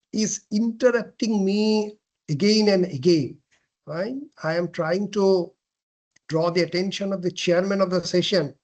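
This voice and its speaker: Slow, high-voiced man lecturing a class. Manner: asks and answers his own questions; frequent throat clearing and self-corrections. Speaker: lecturer on presentation skills.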